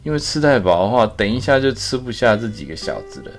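A man voicing a shy male cat in a storybook who stammers softly and hides a scheming side. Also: medium pitch, very animated, quick pace, faint music behind. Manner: stammering, soft, bashful.

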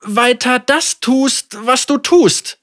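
A woman voicing a hesitant female village leader who flatters awkwardly and keeps stalling. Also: high-pitched, slow, voice pushed up. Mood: placating. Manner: hesitant, filler-laden, ingratiating.

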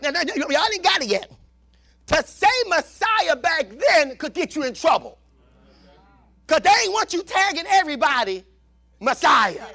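Pastor, male, 50s; very high, bright gravelly voice, lively sermon delivery that drops from shouts to near whispers. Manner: swings between shouted preaching and hushed asides.

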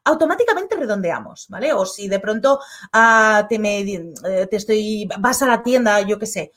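With a Spain Spanish accent, a woman who creates online courses hosts a casual live stream, reading viewers' comments aloud. Her mid-range voice is expressive and slightly bright, at a moderate pace. Chatty, she acts out little everyday dialogues.

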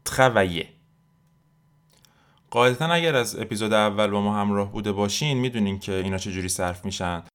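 Man teaching in a low voice. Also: a bit bright, clear, resonant tone. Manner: quick explanations, then slow, carefully spaced example phrases; asks listeners to repeat after him. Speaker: French teacher. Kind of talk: recorded language lesson.

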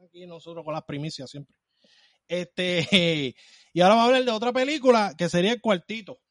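A man's voice: sits high, fairly quick, no echo, clean studio sound. A man hosting a podcast, chatty and playful while asking his guest questions. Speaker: podcast host. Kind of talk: podcast interview chat.

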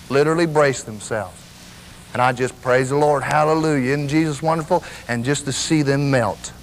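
A middle-aged man, preaching a sermon. He swings between loud, high exclamations and low, quiet asides. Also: slight background noise. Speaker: traveling preacher.

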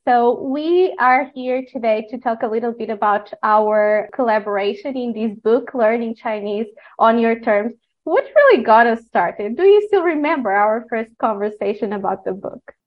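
A woman from Portugal with a fairly high voice, hosting a podcast chat. She talks in an upbeat, motivational way. The recording sounds a bit dull and lo-fi. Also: lively intonation, normal speed, hardly any pauses. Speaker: host and life coach. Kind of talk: podcast conversation.

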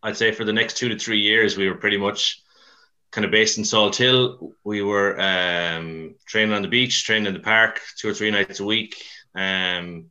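A man's voice: lowish voice, fairly even intonation, moderate pace, bright, forceful tone. A man with a west of Ireland accent chatting casually in an interview, rambling and colloquial, with a self-deprecating touch. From Mayo and Dublin, Ireland. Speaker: CrossFit coach, podcast guest.

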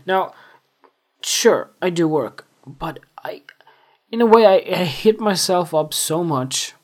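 A man's voice: sits high, lively intonation, slow. Young male host, casual and self-reflective solo talk. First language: Swedish. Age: 20s. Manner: rambling, self-reflective, full of fillers. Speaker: podcast host.

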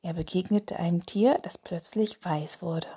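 Slow, soft-spoken woman reading a children's story. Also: on the low side, steady tone, husky. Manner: slow, soft and half-whispered.

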